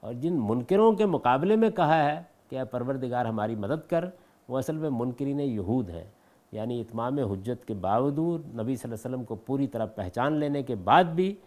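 Measured male scripture commentator. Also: medium pitch, animated, darkish tone. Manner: slows to chant the verses in Arabic, then explains them in Urdu; measured, formal explanatory delivery. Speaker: Quran commentator.

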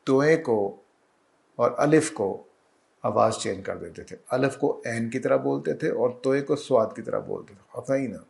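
A man giving a calm, explanatory Quran commentary lecture, slowing down to recite Arabic verses. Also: mid-range voice, creaky. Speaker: religious teacher.

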